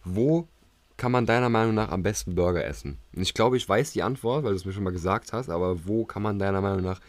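Young man, podcast co-host, relaxed, lowish voice, dry close sound. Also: quick pace, dry recording. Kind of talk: casual chat.

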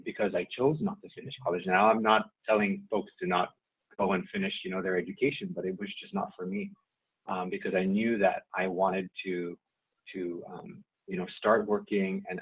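A nonprofit staff member from Saipan in the Northern Mariana Islands, whose first language is Chamorro, is a guest in a casual interview. His deep, husky, low voice moves slowly and hesitantly, circling back with ums and restarts, and it sounds thin and phone-like.

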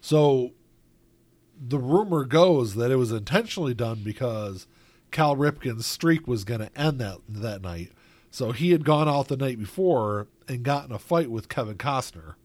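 A man's voice: mid-range voice, expressive, measured pace, a little mellow, no room sound. A man hosting a casual chat, rambling with lots of filler words.

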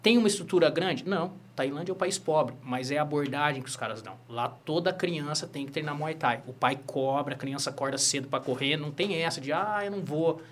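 With a fairly high pitch, a slightly fast pace and hardly any pauses, this Brazilian lawyer and jiu-jitsu instructor in his thirties chats as a guest. He spins lively stories, constantly adding the tag "né?"

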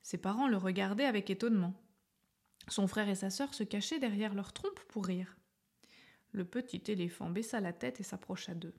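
A woman reading a children's story aloud in a soft, gentle way, often half-whispered. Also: mid-range voice, normal speed, vocal fry.

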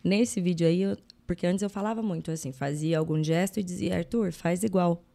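Low, gravelly Brazilian woman podcast host. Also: steady tone, a little fast, mellow. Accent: Brazilian Portuguese. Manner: conversational, finishes the guest's sentences. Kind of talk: casual podcast chat.

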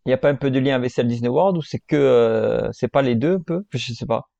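A man's voice: medium pitch, fast, vocal fry, mellow, no echo, dull audio. A man joining a podcast as a guest, chiming in with short remarks and questions. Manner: brief interjections and questions. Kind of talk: casual podcast chat.

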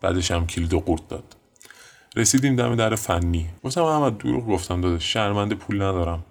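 A weary young male student tells the story of a wild dorm night, deadpan and tired. His voice sits very low with a gravelly, creaky texture. He speaks in a flat dramatic monologue.

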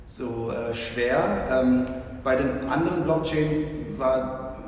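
A man in his forties talks through an interview, pausing and restarting often. His voice rings in a large hall with long reverb. The mic sits some distance away. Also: mid-range voice, a little hiss or hum. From Germany and the Philippines. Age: 40s. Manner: hesitant, many fillers and restarts. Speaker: interviewed artist. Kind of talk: casual interview answers.

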